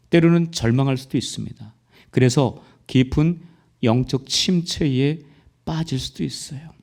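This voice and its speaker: A male pastor preaching a sermon, with impassioned delivery that rises to near-shouting peaks and direct rhetorical questions to the congregation. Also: mid-range voice, gravelly.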